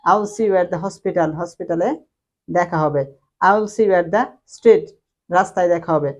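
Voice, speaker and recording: Woman, Bengali accent, English teacher, unhurried delivery, repeats phrases and translates. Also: lowish voice, a little mellow. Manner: repeats each phrase slowly, then translates. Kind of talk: spoken English lesson.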